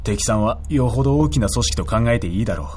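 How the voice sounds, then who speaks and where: A man's voice: mid-range voice, animated, fast, noisy background, natural voice. A man playing a serious but easily exasperated special agent in a comedic audio drama, with terse military speech. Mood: serious, wary. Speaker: radio DJ playing a character.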